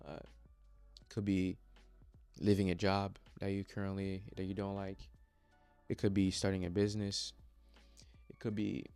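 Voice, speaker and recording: Speaking slowly with long pauses, this young Congolese man, English not being his first language, gives an earnest, hesitant motivational vlog full of fillers and restarts. His low, slightly mellow voice has a clean tone and little pitch movement, over soft background music.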